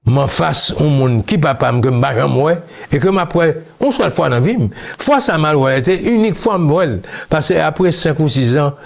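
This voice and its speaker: A man from Haiti, speaking as an interview guest, recalling his childhood in a slow, musing way that mixes Creole and French. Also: fairly high pitch, lively intonation, gravelly. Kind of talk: reflective interview talk.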